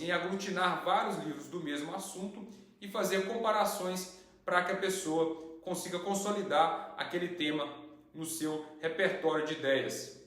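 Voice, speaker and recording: A young man teaching a lesson, explaining step by step with examples and rhetorical questions. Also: sits high. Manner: didactic, steady, uses worked examples and rhetorical questions. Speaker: channel host and study teacher. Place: indoor room with tiled floor. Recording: very echoey room.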